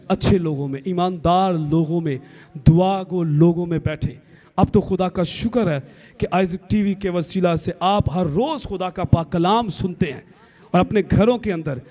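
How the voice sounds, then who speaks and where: Give me an impassioned high-voiced male pastor. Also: warm tone. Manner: impassioned, emphatic appeals. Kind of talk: sermon.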